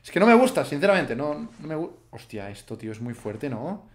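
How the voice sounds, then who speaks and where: Excitable young gamer, slightly high voice. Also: male voice, fairly quick, a little hiss or hum. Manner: chatty, swings from muttering to excited shouts. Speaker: gaming youtuber. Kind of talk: live gameplay commentary.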